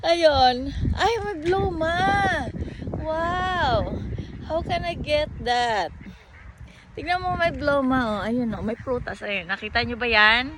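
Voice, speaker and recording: A woman with a slightly high voice chats and jokes as she vlogs outdoors, laughing often and slipping into English phrases. She talks into a handheld phone while she walks by a park pond, with faint outdoor sounds and animals behind her. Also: slow pace, background noise. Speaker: vlogger. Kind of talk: casual walking vlog.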